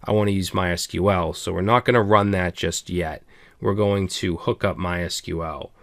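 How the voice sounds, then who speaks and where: Deep-voiced man teaching a coding screencast. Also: fairly even intonation, moderate pace, creaky, a bit bright, no room sound. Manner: casual step-by-step explaining with frequent "okay" and "all right". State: slightly hoarse, losing his voice. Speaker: programming instructor.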